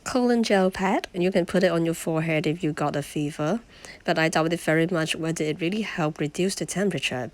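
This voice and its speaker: Hoarse woman, lowish voice, plain explainer for a home vlog. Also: dry recording. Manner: plain, explanatory, demonstrating items. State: hoarse sick voice. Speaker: vlogger. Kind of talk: home video narration.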